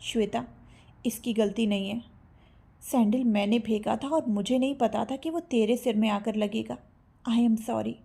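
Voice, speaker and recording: A woman's voice: a little high, steady tone, a little slow, creaky, warm tone, breathy edge, full character voice. A woman voicing a teasing young male college student who stammers when caught out. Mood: earnest.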